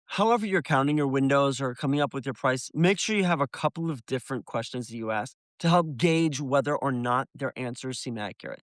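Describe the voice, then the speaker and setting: This window cleaner's business tutorial features his medium-pitched, fairly bright voice on a dry recording. He explains each step in turn and speaks directly to whoever is watching.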